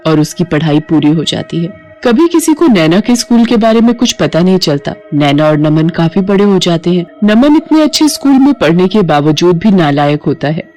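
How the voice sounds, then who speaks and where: A woman giving scripted narration for a cartoon ghost story in an even, storytelling manner. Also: on the low side, moderate pace, hardly any pauses, soft background music.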